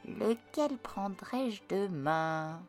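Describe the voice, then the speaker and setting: A woman's voice: mid-range voice, expressive, extremely slow, a little mellow, soft background music. A woman reading a storybook aloud and voicing a greedy, fretful little girl. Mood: wistful.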